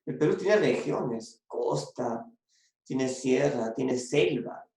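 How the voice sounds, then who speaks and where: A man's voice: mid-range voice, slow pace, gravelly, darkish tone. A man from Peru with a coastal Peruvian Spanish accent, teaching a secondary school language lesson. He explains step by step, repeats key phrases and tags on little checks like "¿no?" and "¿ya?". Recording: echoey room recording.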